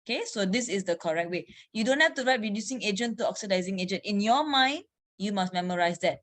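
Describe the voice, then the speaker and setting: Brisk woman teacher quizzing her class. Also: mid-range voice, lively intonation. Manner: brisk, quizzing students, frequent "okay". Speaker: chemistry teacher. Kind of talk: online class revision lesson.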